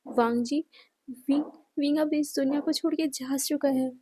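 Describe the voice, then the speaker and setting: A woman voicing a gentle older brother who soothes a grieving man. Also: high-pitched, fairly even intonation, moderate pace, a little hiss or hum, lightly acted. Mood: consoling.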